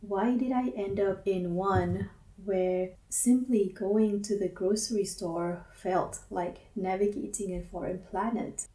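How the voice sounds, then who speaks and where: An unhurried woman in her forties with a lilt, speaking softly and thoughtfully about her own path. Her voice is warm and mellow, and she is set back from the mic in a roomy, echoing space. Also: medium pitch. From Singapore. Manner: gentle, measured, introspective. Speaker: counselor and academic advisor. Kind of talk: reflective personal monologue. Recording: roomy echo, mic at a distance.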